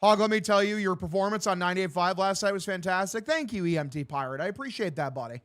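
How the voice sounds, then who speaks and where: Calling a baseball game on a livestream and fielding chat, a man in his 20s talks like a bro, loose, slangy and profane. His voice is high and fairly bright, and his pace is quick.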